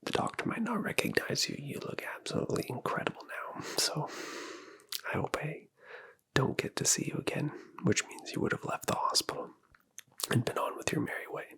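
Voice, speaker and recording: A man's voice: on the high side, very animated, a little fast, a bit bright, heavily acted. Man playing a whispering male nurse, whispered role-play. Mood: soothing, attentive. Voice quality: breathy whisper. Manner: soothing, complimentary personal attention. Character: attentive, flirtatious male nurse giving a pampering facial.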